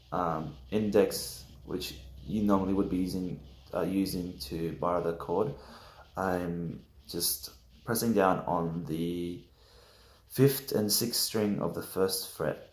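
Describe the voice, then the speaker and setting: Slow, hesitant man teaching guitar. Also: deep voice. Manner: hesitant, many fillers, self-correcting. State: just woken up. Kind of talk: casual guitar tutorial. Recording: roomy echo with loud guitar playing.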